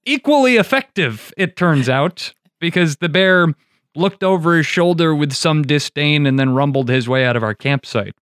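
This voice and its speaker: A man's voice: fairly high pitch, lively intonation, moderate pace, fairly bright tone, clean tone, dry recording. A man hosting a show, mixing casual chat with scripted narration and dry, wry humor. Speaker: podcast host.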